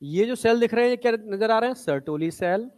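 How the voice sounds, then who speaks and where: A man's voice: sits high, animated, brisk, darkish tone. Male teacher. Coaxing classroom lecture where he quizzes the students. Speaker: biology teacher.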